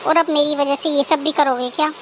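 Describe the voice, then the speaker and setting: A woman's voice: high-pitched, steady tone, fairly quick, a bit bright, slight background noise. A woman voicing a poor young pregnant wife in a cartoon story, worried and pleading with her husband. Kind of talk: cartoon voice acting.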